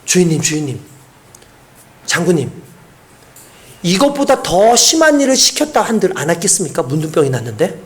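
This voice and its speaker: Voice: mid-range voice, very animated, brisk, pauses often, pitched below the performer's own voice, lightly acted. A preacher acting out a loyal servant coaxing and pleading with his master.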